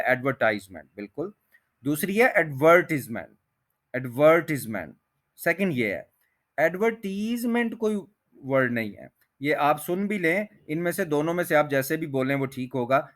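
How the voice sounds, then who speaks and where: Male teacher, Urdu native, mid-pitched voice, patient explaining, reads examples one word at a time. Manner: reads example sentences word by word, slow and deliberate. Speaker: English teacher. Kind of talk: language lesson explanation.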